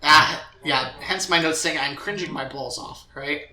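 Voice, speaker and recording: A man's voice: on the high side, measured pace, sharp tone, reverberant. A young man co-hosting a podcast, casually recapping an anime plot with lots of fillers. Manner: rambling recap with filler words and acted quotes. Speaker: podcast co-host.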